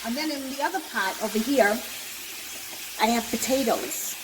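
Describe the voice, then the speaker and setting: A woman's voice: on the high side, lively intonation, moderate pace. A mature woman with a Brooklyn accent casually talking through a home-cooking demonstration as she works. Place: echoey apartment kitchen, indoors. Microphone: handheld camera, no tripod. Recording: echoey room with clear frying sizzle noise. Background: sizzling pan and stirring.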